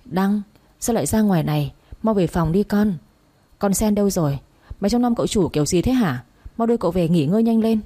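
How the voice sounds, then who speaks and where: A woman's voice: mid-range voice, animated, a little fast, mellow, close to an everyday voice. Woman as an anxious rich lady of the house. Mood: fussing. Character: worried wealthy mother, first wife.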